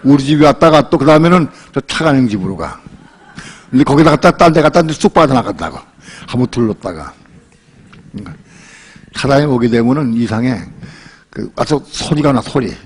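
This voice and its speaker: An older male pastor with a husky, slightly breathy voice at an ordinary middle pitch. He preaches in a loose, chatty way, spins personal stories, quotes other people's voices and laughs along at his own anecdotes. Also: expressive, a little fast, pauses often. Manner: colloquial storytelling, acts out quoted voices and laughs often. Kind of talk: sermon with personal storytelling.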